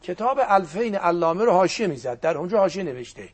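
An older man, a cleric whose first language is Azerbaijani Turkish, telling religious stories in an animated preaching manner with a husky, gravelly voice. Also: high voice. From Turkic-speaking region of Iran. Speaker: cleric guest speaker. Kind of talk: religious storytelling talk.

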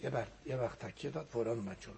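A man's voice: mid-range voice, vocal fry, a little mellow, slight background noise. A man giving a religious talk as a guest on a program, teaching earnestly and quoting Arabic prayers, his voice sometimes sinking to a near whisper.

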